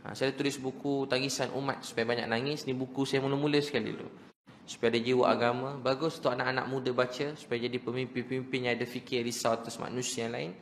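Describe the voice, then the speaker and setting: Fast-talking Malaysian Malay preacher man. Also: medium pitch, a little hiss or hum. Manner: emotional storytelling, swings from hushed to loud; quick animated delivery with repeated phrases. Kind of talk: religious lecture to a crowd.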